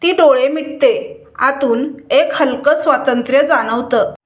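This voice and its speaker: A woman narrates a family story with a high voice and a slow, unhurried pace. Her telling is gentle and measured, read from a script.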